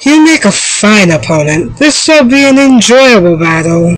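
An amateur voice actor records a video game character voice reel, playing a proud, stern young samurai warrior woman. Her resolute delivery is formal, haughty and very animated, a little slow, captured dry on a low-quality amateur microphone.

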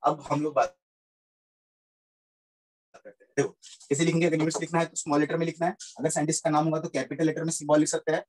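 Higher-voiced man teaching physics. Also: flat delivery, quick pace, pauses often, a little mellow, rough recording. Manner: repeats points, checks understanding often. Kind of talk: classroom lecture mixing Hindi and English.

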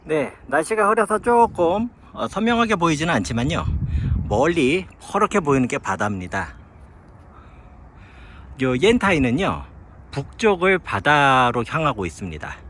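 A man's voice: on the high side, fairly bright tone, a little hiss or hum. Chatty Korean man musing on a hike. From South Korea. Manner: chatty, musing aloud while hiking. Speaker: vlogger living in China. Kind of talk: casual walking commentary. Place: outdoors on a hillside park.

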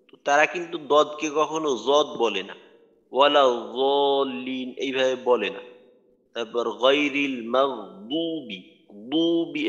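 A man's voice: fairly high pitch, a bit bright. A man teaching Quran recitation in an online lecture, patient and explanatory, repeating his points for emphasis. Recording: dull lo-fi audio with long reverb.

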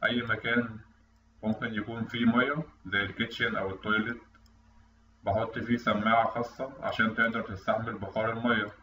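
Speaking brisk and flat, this Egyptian-accented man has a fairly low, bright, forceful voice as he teaches technical content step by step online, talking over a screen recording. A distant mic gives a roomy, dull sound with faint noise.

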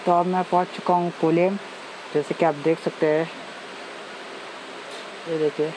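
A young man talking in a casual travel vlog, explaining his route step by step, filming himself on a phone at arm's length inside a train coach. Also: a little high. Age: young adult. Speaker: travel vlogger. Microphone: phone held at arm's length. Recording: train and station noise behind the voice.

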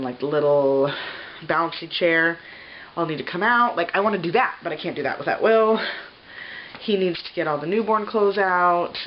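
In her bedroom, a deep-voiced pregnancy vlogger in her thirties talks casually to the camera, rambling and using many fillers while sounding stuffy, scratchy and short of breath. The tripod-mounted camera sits at medium distance, giving slightly dull home video with a faint hiss.

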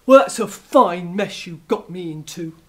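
Woman doing a loud, greedy male wolf. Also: animated. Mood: grumbling. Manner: loud, slow, booming demands. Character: greedy hungry male wolf, big and grinning.

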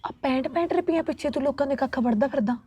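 A woman's voice: high-pitched, dark tone, no room sound. A woman acting a young wife who scolds her husband in a comic web series. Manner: scolding, fast village chatter. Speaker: actor playing a young wife. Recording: dry, muffled lo-fi phone audio.

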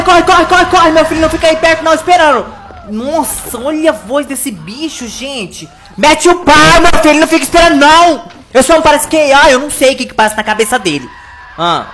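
A woman hosting a reaction video, excitedly yelling warnings and advice at what she watches. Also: high voice, heavy background noise. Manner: excitable, yells advice at the screen. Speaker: reaction channel host.

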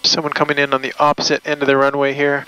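A man flying a small plane, calmly calling out checks and radio calls through his pilot's headset in the cockpit. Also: fairly high pitch, fast talker. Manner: calm, matter-of-fact checklist callouts. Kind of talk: talking through a flight while flying. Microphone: pilot's headset mic. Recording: loud engine noise in the cockpit.

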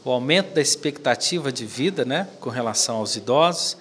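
A man in his forties, a physiotherapy professor, giving measured interview answers into a handheld mic indoors, often tagging "né". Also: medium pitch, expressive, a bit bright, a little hiss or hum. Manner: measured, explanatory, frequent "né". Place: indoor office corner by a plant.

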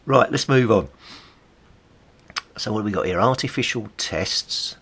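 Unhurried yet animated, a middle-aged man with an English accent speaks in a lowish, slightly bright voice with a breathy edge. The vlogger and CB radio hobbyist leafs through old magazines, reading snippets aloud and chatting casually with wry, amused asides.

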